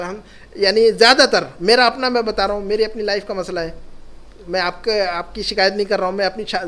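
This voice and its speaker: A man's voice: high voice, fairly bright tone. A man teaching a classroom lesson as an Arabic teacher, encouraging his students and repeating key points.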